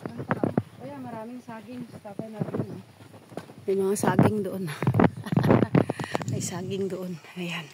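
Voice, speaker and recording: Strolling a dry rural farm, a female vlogger gives casual commentary to her audience amid loud outdoor noise. She speaks in a steady, medium-pitched voice at a measured pace, with long pauses.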